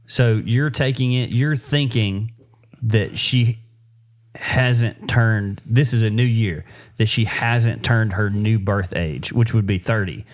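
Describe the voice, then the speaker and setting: Low-voiced man in his thirties on a podcast. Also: slow pace. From American South. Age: 30s. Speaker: podcast co-host. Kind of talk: casual chat.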